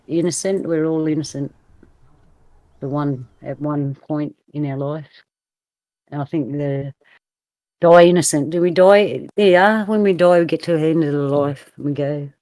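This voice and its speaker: A woman's voice: low voice, darkish tone, no room sound. Woman host on a video call, chatty, lots of um and like, easygoing. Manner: chatty, with fillers and laughter. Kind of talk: casual roundtable chat.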